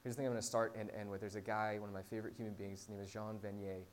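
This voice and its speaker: A man with a lowish voice and level tone races through an informal, conversational sermon, poking fun at himself with humor. He's a pastor giving a live talk to a small congregation, recorded clearly over background noise with a hum.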